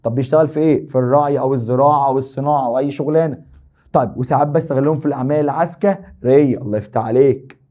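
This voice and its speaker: A man's voice: medium pitch, rapid-fire, dark tone. A man with an Egyptian Arabic accent teaching an exam review lesson, joking and teasing his students as he explains.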